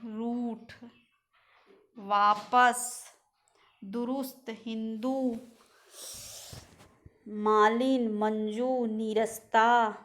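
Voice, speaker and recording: A woman teacher going slowly through word lists in an exam-prep lesson, pointing out common spelling mistakes. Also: a little high, a bit bright. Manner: slow, reads out word lists and corrects common misspellings.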